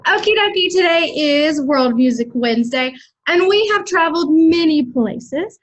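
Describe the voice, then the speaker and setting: A young American woman with a bright, high-pitched, expressive voice gives an online music lesson for children at normal speed. She's cheerful and chatty, as though talking straight to her young students, though the audio sounds dull.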